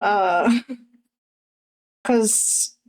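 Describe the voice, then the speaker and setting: Very slow, halting woman streamer. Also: medium pitch, darkish tone, low-quality recording. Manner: hesitant, halting, self-conscious. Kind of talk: casual chat while drawing.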